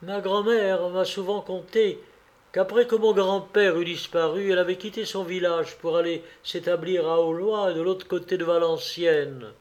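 A man's voice: high voice, fairly even intonation, moderate pace, a little mellow, pitched above the performer's own voice, natural voice. A man voicing an earnest old woman over eighty in a read-aloud folk tale.

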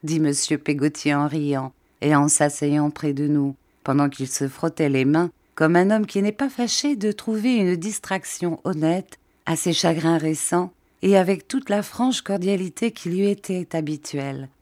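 Woman reading a classic novel, kinda low voice, calm steady pace. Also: measured pace, no echo, studio quality. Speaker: audiobook reader. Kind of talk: scripted narration of a classic novel.

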